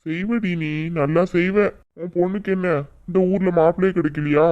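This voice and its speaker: A man's voice: high-pitched, normal speed, phone-quality sound, close to an everyday voice. A man voicing a domineering, bullying middle-aged village father in a cartoon, scolding and mocking.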